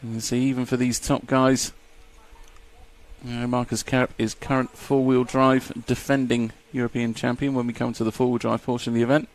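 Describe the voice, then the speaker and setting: A man's voice: mid-range voice, little pitch movement, a little fast. A man doing live race commentary, chatty and jokey as he reads out lap times.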